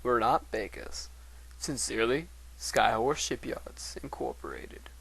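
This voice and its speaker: Dry, curt corporate letter-writer put on by a man, deadpan and drawn out, dramatic reading. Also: medium pitch, unhurried, gravelly, slightly rough, voice pushed down, exaggerated voice, rough recording. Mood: curt, unimpressed.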